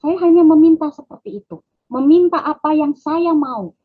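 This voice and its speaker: A woman's voice: high voice, moderate pace. A woman gives a testimony at an online prayer meeting, speaking to her listeners as "Bapak Ibu sekalian" and acting out dialogue with her child. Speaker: lay preacher sharing a testimony. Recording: thin phone-like online call audio.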